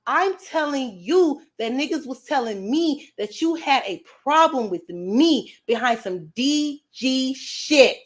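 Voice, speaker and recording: Brash, high-voiced woman livestreamer. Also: animated, slow pace, few pauses. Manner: brash, profane and confrontational, answering chat comments. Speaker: livestream host. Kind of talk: casual livestream chat.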